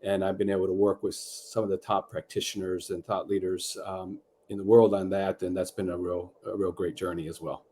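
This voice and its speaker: A middle-aged man from Peru, a guest author talking in a measured, reflective way with many fillers over a video call. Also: sits low, level tone, mellow, breathy edge. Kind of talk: conversational interview.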